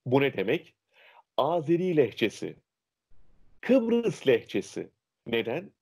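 A young adult man, a diction instructor, explaining dialects and speech in an interview with lively, illustrative examples. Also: mid-range voice, slow pace, vocal fry, breathy edge.

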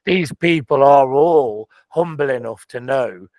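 A man's voice: medium pitch, unhurried, dry recording. Punchy man hosting a video call. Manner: animated, punchy phrases. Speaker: host. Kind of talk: casual online chat.

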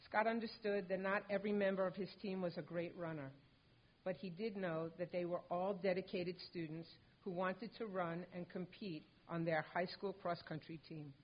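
In a large indoor hall, an older mother reads a prepared speech at the stage lectern to accept a hall of fame honor on behalf of her late son. Her pitch is fairly low and her delivery measured and composed. It's a dull lo-fi hall recording from the lectern mic.

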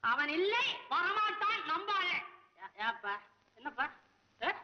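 A frantic, whiny comic poet. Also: male voice, very animated, takes it slowly, noisy background, exaggerated voice. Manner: frantic, whiny, jumps between high and low. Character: poor, anxious, comic male poet. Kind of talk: 1960s film acting. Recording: dull old film soundtrack.

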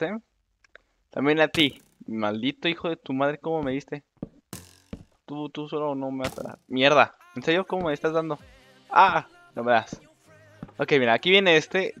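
Excitable Mexican young man gaming. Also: mid-range voice. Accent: Mexican Spanish. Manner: excitable, swearing, talks to other players. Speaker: gameplay commentator. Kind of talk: casual gaming commentary. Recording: dull lo-fi mic with faint game music.

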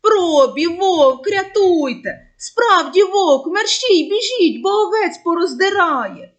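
A woman's voice: high-pitched, huge pitch swings, unhurried, exaggerated voice. A woman doing a cheeky shepherd boy. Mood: panicked. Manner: shouting for help, mocking laughter. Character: mischievous young shepherd boy, prankster. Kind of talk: storybook voice acting.

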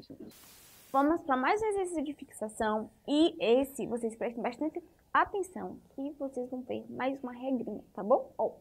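A woman teacher giving a spelling lesson to young children, asking the class questions and patiently repeating each rule. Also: high voice. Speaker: primary school teacher.

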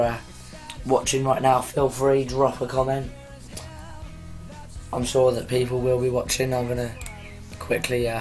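Croaky man chatting on a live stream. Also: mid-range voice. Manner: rambling, chatty, addressing viewers. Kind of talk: casual live-stream commentary.

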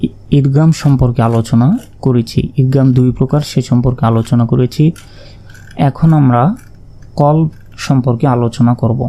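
Spelling out letters and vowel marks slowly, one at a time, a man teaches Quran reading step by step. His voice is mellow and medium in pitch.

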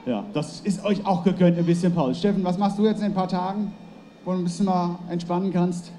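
A man hosts a live reception interview in a high, bright voice. He moves between casual questions and lively calls to the audience. Faint background noise is heard behind him. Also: brisk. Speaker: event host and interviewer.

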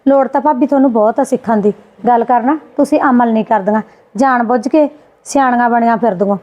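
A woman scolding her sister-in-law in a Punjabi family drama skit, indignant and quick. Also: on the high side, a little mellow, muffled recording.

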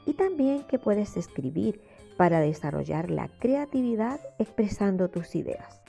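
A woman teacher with a Chilean accent giving a recorded remote lesson, explaining step by step in a slow, explanatory classroom manner. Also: mid-range voice, big pitch swings, vocal fry, warm tone, faint music behind. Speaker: primary school teacher.

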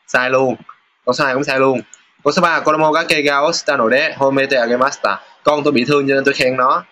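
Chatty man teaching, bright voice. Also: mid-range voice, fairly even intonation, slight background noise. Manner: casual, chatty, with filler sounds and reading sentences aloud slowly. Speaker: Japanese teacher. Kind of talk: lesson going over test questions.

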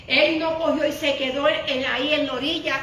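A woman preaches a fervent Pentecostal sermon in a high, bright voice. She swings from loud emphatic bursts to hushed, prayerful asides, dotted with hallelujahs. The mic sits far off in a strongly echoing church hall. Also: steady tone, moderate pace, slight background noise. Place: church sanctuary.

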